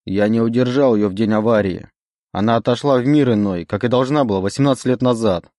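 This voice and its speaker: A man's voice: mid-range voice, fairly quick, warm tone, no room sound, clean studio sound, lightly acted. A man voicing a possessive demon bound to a young man's soul, pleading and insistent in an audiobook reading. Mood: desperate. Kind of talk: audiobook character voice.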